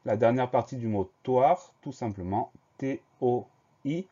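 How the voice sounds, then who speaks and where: A male teacher giving a spelling lesson, spelling words out letter by letter in a slow, patient way. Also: medium pitch, mellow, slightly rough. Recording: dull lo-fi voice recording.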